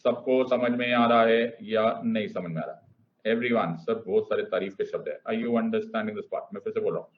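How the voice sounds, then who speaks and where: Guy teaching a class, says everything twice and keeps asking did you get it, lowish voice, muffled lo-fi audio. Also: moderate pace. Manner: drills points by repetition, counts out loud, keeps checking if students follow. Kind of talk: classroom lecture, mixing Hindi and English. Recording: dull lo-fi recording.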